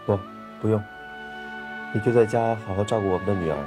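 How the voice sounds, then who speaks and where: An actor playing a proud young husband out of work, indignant at times and earnest at others, in a TV drama. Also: male voice, fairly low pitch, fairly even intonation, brisk, lightly acted. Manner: indignant, then earnest and reassuring. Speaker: laid-off office worker, husband. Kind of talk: TV drama acting. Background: music score.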